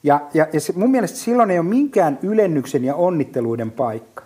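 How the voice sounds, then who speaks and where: Middle-aged guy rambling about business, lots of fillers, low warm voice. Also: slightly rough. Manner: lively storyteller with many fillers and restarts. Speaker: business guest. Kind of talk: casual podcast chat.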